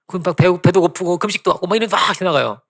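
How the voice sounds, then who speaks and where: Male pastor, sermon delivery, animated storyteller, slightly higher voice, talks to the congregation. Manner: soft, drawn-out prayer.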